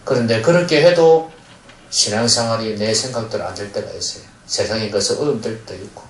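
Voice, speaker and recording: A man's voice: on the low side, brisk, a little hiss or hum. A male pastor preaching a sermon in a church, earnestly putting questions to the congregation. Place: church sanctuary. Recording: echoey church hall, mic far off.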